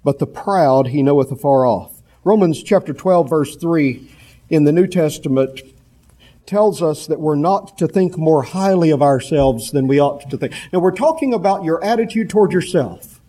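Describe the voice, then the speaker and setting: A man preaching a sermon, with an emphatic, repetitive cadence, slowing down to quote scripture. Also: fairly high pitch, lively intonation, dark tone.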